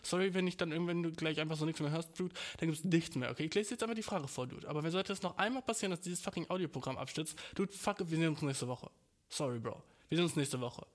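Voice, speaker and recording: A man's voice: a little high, fast talker. A young man hosting his own podcast, venting in a rambling, slangy, swear-heavy way about his audio troubles. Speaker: podcast host. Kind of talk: casual solo podcast rant. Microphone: home podcast mic.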